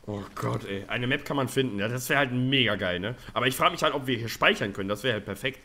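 A man hosting a co-op survival game let's play, chatting casually, swearing and breaking into excited shouts. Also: medium pitch, fast. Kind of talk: casual co-op gaming chat.

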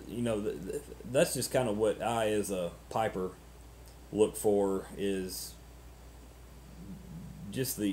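A man in his thirties chatting casually and unscripted to camera as a vlogger, halting and ruminative, often repeating words, on noisy webcam audio. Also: low-pitched, warm tone. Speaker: pipe-smoking vlogger.

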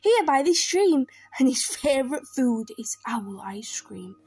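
A woman voicing a small, clever, boastful mouse with a bright, cheeky manner. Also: sits high, sing-song, unhurried, husky, full character voice. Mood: sly.

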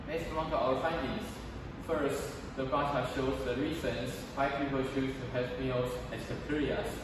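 A teenage boy from Taiwan, reading a scripted English presentation as a student presenter, carefully and in measured steps. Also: mid-range voice, steady tone. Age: teens. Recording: echoey hall from far off, noisy.

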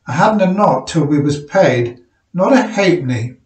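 A man's voice: fairly high pitch, lively intonation, darkish tone, reverberant, recorded from a distance. A man voicing a big, indolent miner husband who talks easily and unhurriedly. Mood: easygoing. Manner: easy, slow-witted, unhurried.

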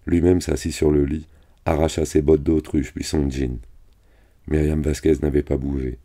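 Male reader with an extremely deep, dark voice, flat and steady, reading a novel aloud. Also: normal speed.

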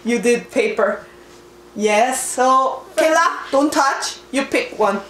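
A woman's voice: high-pitched, takes it slowly, fairly bright tone. A woman from Korea with a Korean accent, playfully hosting a challenge video from off camera in a living room. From South Korea. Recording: echoey room, clearly noisy, clicks.

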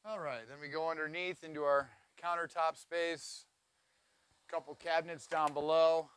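On a lapel mic, a forty-something trailer reviewer tours a camping trailer with enthusiasm, pointing things out as he walks in and around a cargo trailer on an outdoor lot. His voice sits fairly high and fairly bright, smooth and moderately paced, though his delivery is flat.

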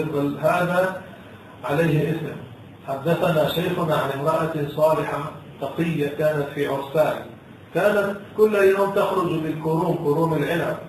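A man's voice: on the high side, a little hiss or hum. A man giving a religious lesson, emphatic and repeating key phrases. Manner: emphatic, repeats phrases, imitates others' chanting. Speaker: religious teacher. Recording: echoey hall, far from mic.

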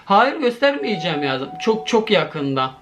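A man making a horror video, reacting out loud to a video call and talking to his viewers in a jumpy, excitable way. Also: high voice, unhurried, lo-fi sound, slight background noise. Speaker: horror YouTuber.

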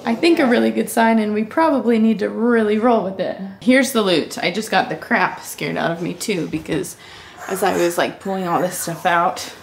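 A young woman chatting casually about her home, upbeat and quick to laugh. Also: medium pitch, vocal fry. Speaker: vlogger. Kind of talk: casual home tour chat. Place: bathroom of a new house.

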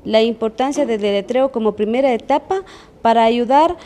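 A woman's voice: fairly high pitch, normal speed, mellow. A woman answering interview questions as a school coordinator into a handheld microphone indoors. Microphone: handheld reporter microphone. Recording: clear background room noise.

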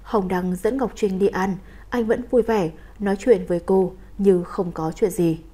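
A woman narrates an audiobook story in a smooth, even storytelling way. Her voice is mellow and soft-edged, sitting at a middle pitch. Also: unhurried.

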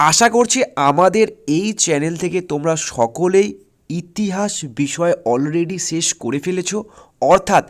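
A high-pitched man with a West Bengal Bengali accent teaches history for exam prep on an online channel, in an informal lesson. He walks through each step instructively, restates key points, and drops in short questions to check in.

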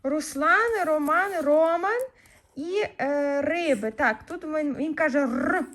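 A young mother giving her small child a patient reading lesson at home, sounding out syllables slowly. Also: sits high, a bit bright.

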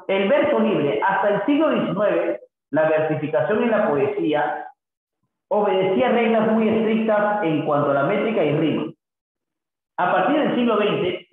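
A man teaching a literature class in a slightly high voice. He keeps checking in with his listeners through tag questions and stretches recited verses into a sing-song drawl. The sound is thin and phone-like, with heavy echo. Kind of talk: classroom lecture.

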